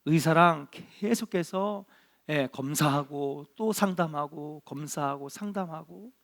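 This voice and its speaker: A middle-aged man preaching a sermon as a pastor, earnest and drawn-out, asking rhetorical questions and dropping in short affirming interjections. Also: a little high, creaky, fairly bright tone.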